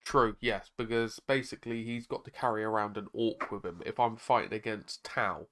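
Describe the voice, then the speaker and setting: Hoarse, raspy man streaming. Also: fairly low pitch, steady tone, moderate pace, a bit bright. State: hoarse, struggling to talk. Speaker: streamer painting miniatures. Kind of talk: casual live-stream chat.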